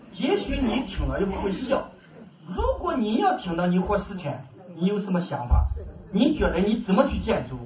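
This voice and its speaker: A man giving a testimony sermon, telling his story with animation and frequent laughter. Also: sits high. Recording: dull, echoey, from far off.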